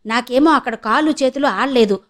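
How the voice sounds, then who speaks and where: A woman's voice: high-pitched, fairly quick, close to an everyday voice. A woman voicing a timid, middle-aged village father who speaks hesitantly in rustic speech. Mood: placating.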